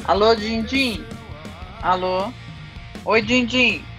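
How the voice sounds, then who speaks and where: A woman's voice: on the high side, drawn-out words, fairly bright tone. A woman in her fifties with a Brazilian accent, a guest talking in a chatty, playful way over a call line. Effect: heard over a call line. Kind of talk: casual chat. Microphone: call from home. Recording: muffled call audio, faint music behind.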